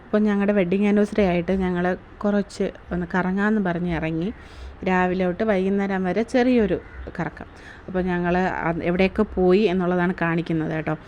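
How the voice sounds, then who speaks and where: A woman's voice: fairly low pitch, a little mellow, highs cut off, a little hiss or hum. A woman narrating her family day-out vlog in a casual, chatty way, often asking viewers to comment. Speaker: vlogger.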